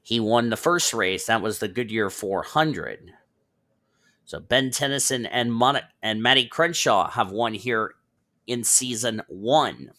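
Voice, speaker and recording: A man's voice: mid-range voice, slow pace, bright, forceful tone. A man calling a simulated stock car race as host, checking the standings aloud and correcting himself as he goes, with a bit of a cough. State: coughing, slightly under the weather. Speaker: race commentator. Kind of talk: play-by-play sim racing commentary.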